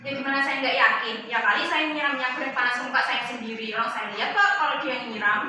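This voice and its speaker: A woman's voice: high-pitched, quick pace, close to an everyday voice. A woman playing a defensive wife testifying in a mock trial, answering in casual colloquial speech. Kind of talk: amateur courtroom role-play. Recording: echoey room, distant mic, noisy.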